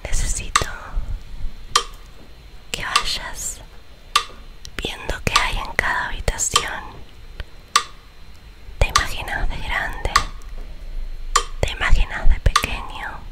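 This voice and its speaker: Young woman, Rioplatense accent, for whispered ASMR guided relaxation; very slow, soothing instructions, close on the mic. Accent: Rioplatense Spanish. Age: young adult. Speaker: ASMR host guiding a relaxation visualization. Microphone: close large studio microphone.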